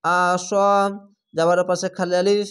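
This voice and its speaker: Slow, clear-voiced Quran reading teacher. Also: male voice, high voice, little pitch movement, a bit bright. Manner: slow, drawn-out syllable-by-syllable spelling and chanting. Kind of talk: spelling-out Quran recitation lesson.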